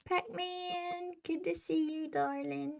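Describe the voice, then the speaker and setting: A woman's voice: extremely high pitch, fairly even intonation, slow pace, vocal fry. A woman hosting a live stream in casual chat, greeting her viewers affectionately as darling. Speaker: livestream host.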